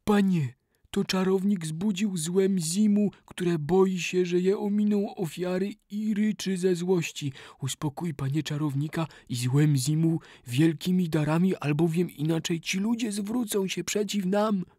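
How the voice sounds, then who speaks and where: Man reading as young boy, pleading, shaky with emotion, high-pitched, storybook. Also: steady tone, a little slow, dark tone, breathy edge, dry recording, clean studio sound. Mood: fearful pleading.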